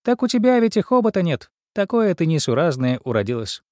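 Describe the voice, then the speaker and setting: A man voicing a bossy, chatty big female mouse in a storybook reading, with a squeaky voice. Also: sing-song, fairly quick, a little mellow, no room sound, studio quality. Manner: bossy, fussy.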